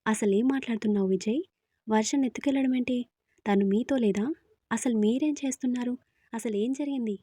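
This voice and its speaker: A woman's voice: a little high, brisk, mellow, slightly rough, dry recording, clean studio sound. A woman voicing a worried young father who speaks urgently and tries to reassure his wife in a storybook. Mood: alarmed.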